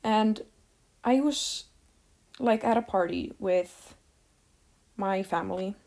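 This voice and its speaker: A woman's voice: medium pitch, slow pace, darkish tone. A teenage girl from Iceland ranting casually to the camera, rambling with lots of fillers and a sarcastic edge. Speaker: vlogger.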